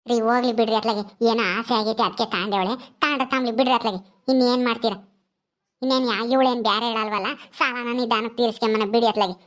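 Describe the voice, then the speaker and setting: A woman voicing a kind, motherly village sister-in-law who soothes softly. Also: high-pitched, pitched below the performer's own voice. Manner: soft, soothing, coaxing.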